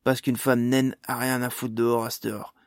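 A man's voice: medium pitch, little pitch movement, moderate pace, no room sound, studio quality, natural voice. A man voicing a young male dwarf gang leader in an audiobook, speaking hard and curt with swearing. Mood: hard hostile. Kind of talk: audiobook character voice.

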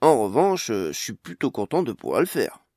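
A man voicing a cheerful male companion in an audiobook, with a bright, laughing tone. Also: medium pitch, very animated, moderate pace, no echo, studio quality.

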